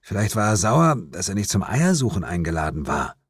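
A laconic male police partner offers dry, muttered remarks, voiced by a male audiobook narrator. His tone is flat and unhurried, set a little above the narrator's low voice. The recording is close and dry. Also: husky, no room sound. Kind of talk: audiobook character voice.

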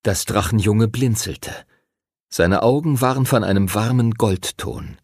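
A man narrating a fantasy audiobook in an expressive storytelling manner. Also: lowish voice, a little slow, slightly rough, no room sound, studio quality.

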